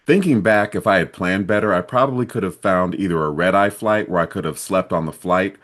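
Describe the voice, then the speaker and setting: A man from Ohio, a vlogger, telling a travel story in a steady, plain way. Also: low voice.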